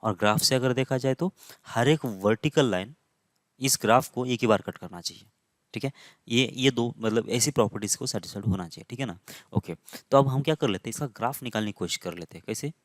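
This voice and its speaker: A man's voice: medium pitch, fairly quick, no room sound, clean studio sound. A male math teacher giving a conversational whiteboard lecture, often stopping to check that students follow.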